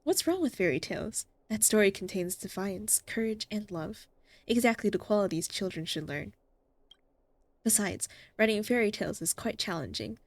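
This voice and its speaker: A woman voicing a calm, kindly female doctor from a video game. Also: medium pitch, moderate pace, no room sound. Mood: gentle, thoughtful. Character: calm, kindly female doctor who likes fairy tales.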